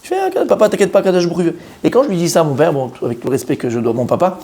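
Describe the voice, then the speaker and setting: Fast-talking rabbi telling a story. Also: male voice, on the high side. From Israel. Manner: animated storyteller who acts out quoted voices. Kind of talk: storytelling sermon.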